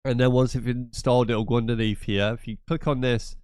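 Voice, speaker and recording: Fast and level, this medium-pitched male voice is darkish and smooth, recorded at studio quality with no room sound. The speaker, a gaming channel host, has a cold that makes him blocked and nasal. He chats through a casual screen-share tutorial, repetitive and full of rambling asides.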